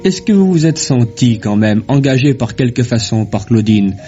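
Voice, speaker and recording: A man's voice: mid-range voice, animated, moderate pace, mellow. A man asking formal, polite interview questions, heard from an old worn tape archive. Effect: old worn tape archive recording. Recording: dull lo-fi old tape with faint music.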